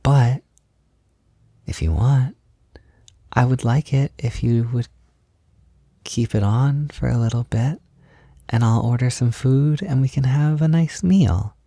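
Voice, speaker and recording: In soft-spoken ASMR roleplay audio, a man plays a gentle, affectionate boyfriend comforting his insecure partner, speaking softly and soothingly with unhurried reassurance. The mood is tender and soothing. His voice is medium-pitched, and the studio sound is clean with no echo.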